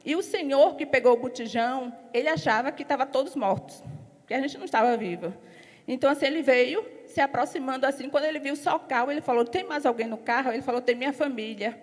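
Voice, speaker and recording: A woman giving her testimony in a church service, telling her story lively, acting out what others said, and growing loud and emphatic as she preaches. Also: high voice, quick pace. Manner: storytelling, acts out other people's lines in quotes. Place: church hall. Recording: long hall reverb.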